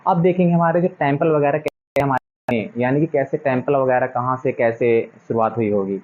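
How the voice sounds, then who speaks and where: A man's voice: mid-range voice, moderate pace. A young adult man teaching a class, explaining a textbook chapter in casual talk that mixes in English phrases and asks many rhetorical questions. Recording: dull lo-fi recording.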